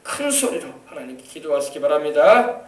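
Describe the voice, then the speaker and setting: A man's voice: on the high side, very animated, a little fast. A male pastor preaching an emphatic sermon, drawing call-and-response from the congregation. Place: church sanctuary. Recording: echoey hall, mic far off.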